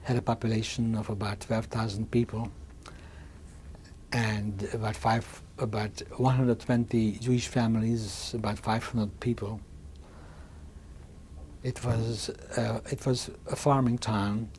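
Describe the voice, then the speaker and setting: A man in his sixties from Hungary, giving oral history testimony in a halting way, often restarting and repeating words. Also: fairly low pitch, level tone, darkish tone, a little hiss or hum. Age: 60s. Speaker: interviewee.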